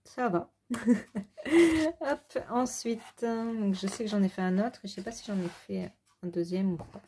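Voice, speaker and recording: A woman casually showing her coloring books, rambling with fillers and quick self-corrections. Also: medium pitch, warm tone, slight background noise. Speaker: adult coloring hobbyist. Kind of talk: casual show-and-tell.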